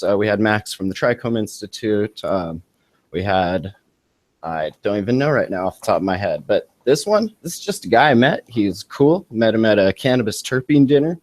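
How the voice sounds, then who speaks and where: A man's voice: on the low side, expressive, moderate pace, a little mellow, dry recording. A man hosting a podcast in a loose, rambling, laid-back casual chat. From Montana. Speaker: podcast host.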